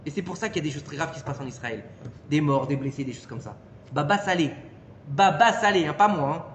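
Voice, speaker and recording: A man giving an informal Torah lesson to a small group, animated and peppering his listeners with questions. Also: fairly high pitch, fast. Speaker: Torah teacher. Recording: echoey room with long reverb and faint noise.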